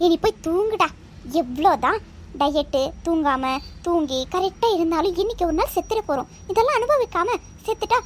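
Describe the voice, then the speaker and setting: A woman's voice: extremely high pitch, expressive, a little fast, slight background noise. A woman voicing a stubborn middle-aged cartoon mother who sneaks sweets and scolds her son. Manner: defiant, whining, scolding. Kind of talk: cartoon voice acting.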